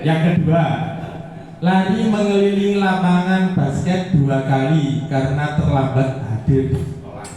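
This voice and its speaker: A man's voice: on the high side, steady tone, unhurried, dark tone. A male teacher presents to fellow teachers in a chatty, hesitant way, with many fillers. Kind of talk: workshop presentation. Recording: echoey room from far off.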